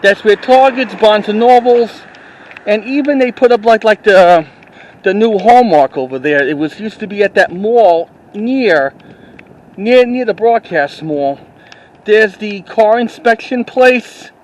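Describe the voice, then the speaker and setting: A man narrating a walking tour outdoors on a town street, rambling and halting with many restarts, recorded on a handheld camera as he walks. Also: high voice, expressive, darkish tone, low-quality recording. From New York City. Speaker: vlogger. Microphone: handheld camera while walking.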